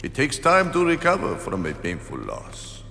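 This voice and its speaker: A man voicing a stern, secretive monster count in an animated series, formal and dramatic. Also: medium pitch, moderate pace, gravelly, a little hiss or hum, exaggerated voice. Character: stern, secretive old monster count, loyal police buddy.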